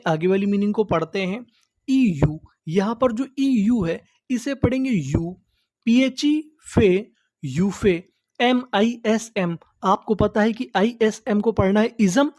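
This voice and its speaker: A woman's voice: a little high, warm tone, no room sound. A woman teaching English vocabulary, spelling each word letter by letter and asking and answering her own questions. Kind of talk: slow spelled-out vocabulary lesson.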